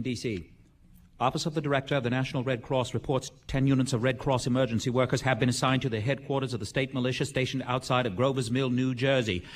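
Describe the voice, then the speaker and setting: Actor as rapid old-newsreel American bulletin reader. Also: male voice, mid-range voice, close to an everyday voice. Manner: clipped, official, businesslike. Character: businesslike radio newsman rushing through emergency bulletins. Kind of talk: 1930s radio acting, old newsreel manner.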